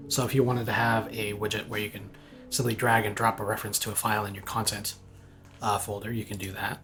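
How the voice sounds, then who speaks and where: A man's voice: on the low side, level tone, sharp tone, faint music behind. Man thinking aloud while coding. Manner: thinks aloud, halting with ums and restarts. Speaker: game engine programmer. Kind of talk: live coding walkthrough.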